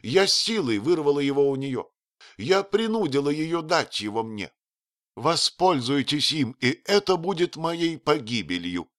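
A man's voice: a little high, sing-song, unhurried, a bit bright, dry recording, studio quality, pitched above the performer's own voice. A man voicing a flirtatious, proud countess who turns dramatic and indignant. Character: flirtatious proud countess, middle-aged woman.

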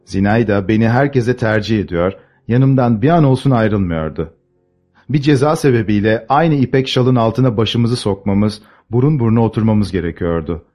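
Low-voiced male audiobook narrator. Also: lively intonation, normal speed, darkish tone, soft background music.

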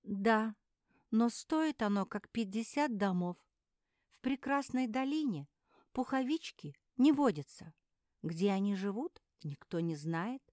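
A woman's voice: medium pitch, lively intonation, measured pace, darkish tone, dry recording, clean studio sound, voice pushed up, lightly acted. A woman voicing a bossy older pug sister who lectures and reproaches in a know-it-all way. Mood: lecturing.

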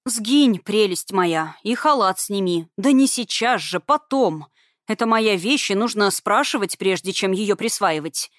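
A woman's voice: medium pitch, lively intonation, a little slow, no echo, close to an everyday voice. A woman voicing a weary, sardonic male professor who speaks in a dry, tired, commanding way, read as an audiobook character.

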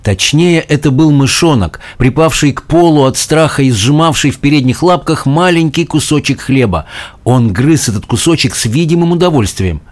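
A man's voice: on the high side, animated, moderate pace. A man narrating a children's story in the first person, reading expressively. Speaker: audiobook reader.

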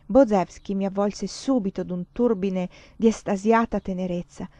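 A woman reading a novel aloud in a measured, expressive way. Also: mid-range voice, dry recording. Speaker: reader. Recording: dull dry lo-fi reading.

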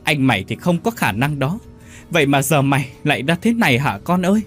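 A man's voice: a little high, animated, fairly quick, faint music behind, close to an everyday voice. A man voicing a grief-stricken older mother who pleads and wails in a raised, strained voice. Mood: wailing. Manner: wailing, pleading.

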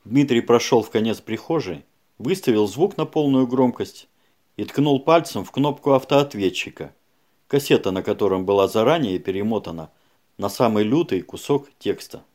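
A man narrating a crime audiobook in a lively way, with chatty asides to the listener. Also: fairly low pitch, normal speed.

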